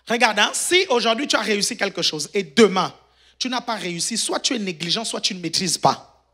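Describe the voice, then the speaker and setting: Bright-voiced man preaching a sermon. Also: sits high. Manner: keeps asking the congregation if they follow; animated, jokes, sudden shouts. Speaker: pastor.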